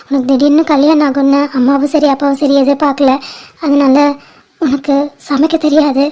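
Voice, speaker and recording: A woman's voice: high-pitched, little pitch movement, moderate pace, mellow, close to an everyday voice. Woman voicing a tender, tearful mother. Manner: tender, pleading. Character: tearful mother seeing her daughter off. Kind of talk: amateur cartoon voice acting.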